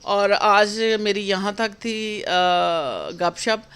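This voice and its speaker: A middle-aged woman vlogger chatting casually in a rambling, homely way, with frequent pauses and fillers. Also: medium pitch, a bit bright, clear, resonant tone. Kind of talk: casual chat.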